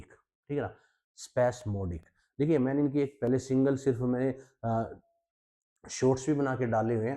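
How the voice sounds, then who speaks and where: Mellow-voiced Indian man teaching vocabulary. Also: medium pitch. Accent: Indian English. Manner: repeats "ठीक है ना" often, mixes Hindi and English, mnemonic tricks. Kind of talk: exam-prep vocabulary lesson.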